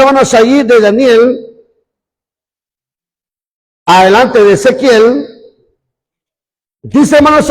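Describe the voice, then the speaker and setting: High-voiced fervent male preacher. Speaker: pastor. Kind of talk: sermon. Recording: long hall reverb.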